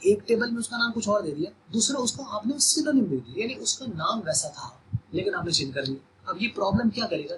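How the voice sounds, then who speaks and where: High, bright-voiced man explaining a lesson. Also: a little hiss or hum, low-quality recording. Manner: explanatory, repeats definitions, fillers. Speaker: teacher. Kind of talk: recorded lecture.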